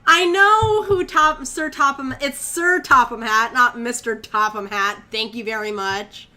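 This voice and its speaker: In live horror-game commentary, a young Connecticut streamer gets spooked easily, swears, and chats with viewers. She talks a little slowly in a fairly high, bright voice with a forceful tone.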